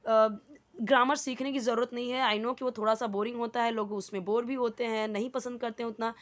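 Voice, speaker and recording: A woman's voice: fairly high pitch, fairly even intonation, brisk, highs cut off. A woman teaching spoken English, explaining word by word and repeating words for practice.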